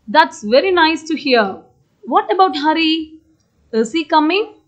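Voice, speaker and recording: A kind, friendly schoolchild, as a woman plays her for a school puppet play. She speaks high and slow, with a gentle, measured manner. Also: expressive. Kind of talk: school puppet show voice acting.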